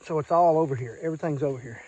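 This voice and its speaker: A man's voice: a little high, very fast, darkish tone, slightly rough, no room sound, muffled recording. A man with an Arkansas Southern accent talks casually and plainly, folksy in manner, pointing things out as he explains deer scouting in the woods. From Arkansas, United States. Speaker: deer hunter giving scouting tips. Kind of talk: casual outdoor vlog, explaining while scouting. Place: outdoors in the woods. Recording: outdoor field recording with faint natural noise.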